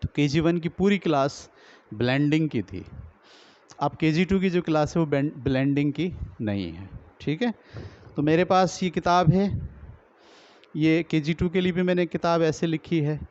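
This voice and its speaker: A man training teachers, explaining step by step, asking and answering his own questions and sounding out drill words slowly, with a Pakistani Urdu accent. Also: fairly high pitch, a little mellow. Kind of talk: lecture on teaching reading. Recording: dull lo-fi recording.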